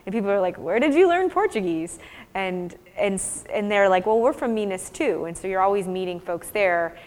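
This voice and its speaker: Here a woman researcher from the US talks through her fieldwork and fields questions from the audience in a relaxed, explanatory way. She speaks at a moderate pace with medium pitch and lively intonation, and the room adds a long hall reverb.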